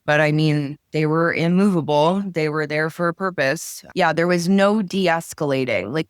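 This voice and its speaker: A woman interviewed as a witness, recounting events urgently in quick bursts with fillers. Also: sits low, smooth, no room sound, clean studio sound.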